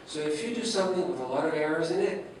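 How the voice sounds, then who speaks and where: A man's voice: a little high, quick pace, slight background noise. Man lecturing in an echoey hall. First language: French. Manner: engaging, asks the audience rhetorical questions. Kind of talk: humorous academic lecture. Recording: echoey hall, distant mic, faint ambience.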